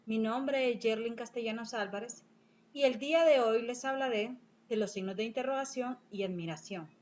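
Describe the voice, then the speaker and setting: A woman with a high voice reads a language lesson in a steady, explanatory way, like a teacher taking a class through it. The sound is dull and lo-fi. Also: moderate pace, slight background noise. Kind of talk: read-aloud lesson.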